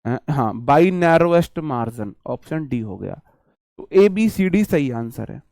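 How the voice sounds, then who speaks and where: A man teaching English idioms to exam students in casual Hinglish, with an Indian English accent. He slows right down to spell out each English phrase and calls his students "my brother.". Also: medium pitch, lively intonation, vocal fry, a little mellow, dry recording. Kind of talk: casual live vocabulary lesson.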